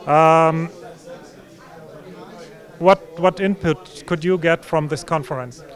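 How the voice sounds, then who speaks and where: Male interviewer, somewhat high pitch, courteous and a bit halting. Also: steady tone. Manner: polite, slightly halting questions. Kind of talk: conference interview.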